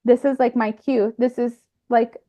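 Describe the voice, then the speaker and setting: A woman talking through a personal spiritual experience in a reflective monologue, pausing and restarting often. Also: on the high side, little pitch movement, warm tone. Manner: halting, with frequent fillers and restarts. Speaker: speaker sharing a personal spiritual account. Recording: slightly muffled lo-fi recording.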